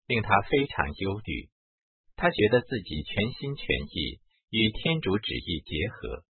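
A man with a deep, very husky and breathy voice reads a spiritual memoir aloud in a measured first-person manner, his pitch rising and falling widely. The sound is dry and tinny, as if through a narrow-band line. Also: dry recording. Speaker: reader.

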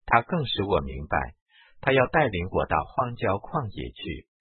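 A man narrating a spiritual autobiography in a slow, reverent, measured reading style. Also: on the low side, big pitch swings, husky, no room sound. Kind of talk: solemn devotional reading. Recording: dry, phone-like narrow band.

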